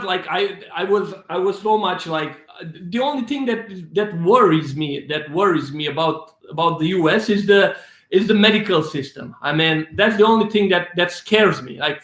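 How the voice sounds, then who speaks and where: A young Romanian filmmaker with a Romanian accent hosts a live Q&A, answering viewer questions in a rambling, casual way full of restarts, laughs and swearing. His voice is a little high and a bit bright, in an echoey room.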